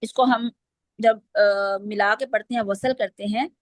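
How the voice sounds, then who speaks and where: A woman's voice: mid-range voice, steady tone, measured pace, no echo. A woman teaching Quranic recitation rules, explaining step by step and quizzing her students. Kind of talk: online class lesson.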